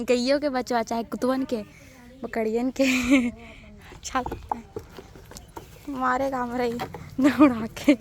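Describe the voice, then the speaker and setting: A woman vlogger from Bihar, India, with a Bihari Hindi accent, chats casually in her village vlog and coaxes animals with repeated calls. Her voice is on the high side with little pitch movement, and she speaks slowly with long pauses. The recording moves from village outdoors to an auto-rickshaw and carries a little hiss or hum.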